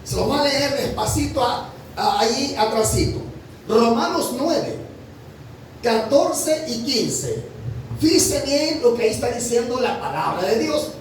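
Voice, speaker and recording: High-voiced preacher in an echoey hall. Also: male voice, expressive, normal speed, recorded from a distance, slight background noise. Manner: emphatic, rhetorical questions, addresses listeners as brother. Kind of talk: sermon.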